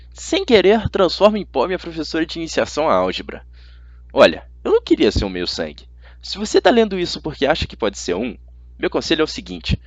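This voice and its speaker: In this clip a man with a Brazilian accent reads aloud a youth fantasy novel written in first person, narrating as an amateur in an animated, conversational style. His voice runs low. The audio has no echo but lacks high frequencies.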